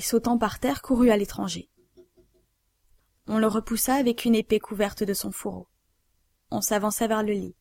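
A woman narrating a novel aloud in a measured, even way. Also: mid-range voice, vocal fry, dry recording. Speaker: audiobook narrator.

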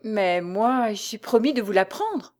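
Woman doing jealous masked young lady, anxious pushy questions, mid-pitch voice. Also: lively intonation, slow pace. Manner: urgent questioning.

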